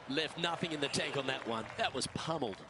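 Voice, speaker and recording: A man's voice: a little high, quick pace, close to an everyday voice. A man working as lead golf commentator, calling play-by-play in a broadcast style. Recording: clear background ambience noise.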